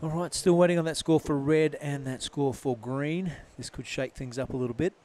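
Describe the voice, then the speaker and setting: A man's voice: on the high side, steady tone, normal speed, darkish tone, slight background noise. A man giving live surf contest commentary in a laid-back, casual surfer announcer manner.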